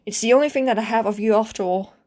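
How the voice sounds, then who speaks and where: Woman acting a high-voiced, pleading kitten girl. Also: fast, a little mellow, natural voice. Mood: clingy, devoted. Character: clingy, lovesick, self-abasing stray cat girl with yandere devotion. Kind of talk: scripted ASMR role-play addressed to the listener.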